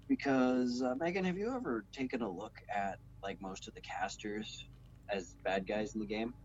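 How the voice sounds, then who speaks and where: Relaxed man hosting a lo-fi podcast. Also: lowish voice, moderate pace, slight background noise. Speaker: podcast host. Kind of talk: casual podcast chat about tabletop games.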